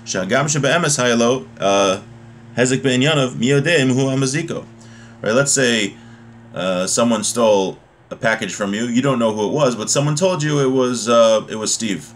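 Speaking at a moderate pace in a mid-range voice, an American man in his thirties reads from a religious text and explains it informally, frequently rewording what he's said. It's captured indoors in a small home room through a webcam or laptop mic at desk distance, with clear room noise behind him.

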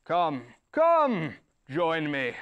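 A man performs a theatrical dark lord, an undead count hosting a horror show. The voice is fairly high for a man and smooth, with slow, grandiose phrasing. Every phrase is archly ominous and scripted. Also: huge pitch swings, dull audio, heavily acted. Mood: beckoning. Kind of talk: scripted horror-host introduction.

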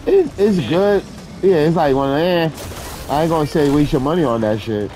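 A man's voice: a little high, animated, normal speed, warm tone. A man chatting casually with friends while gaming, talking in loose, profane slang over a headset. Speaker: gamer streaming with friends.

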